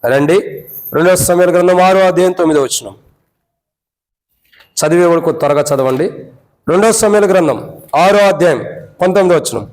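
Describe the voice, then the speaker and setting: A man with a Telugu accent preaching a sermon in a prayer hall. He fires rhetorical questions at the congregation, then drops to low, quiet asides. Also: moderate pace, pauses often. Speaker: pastor.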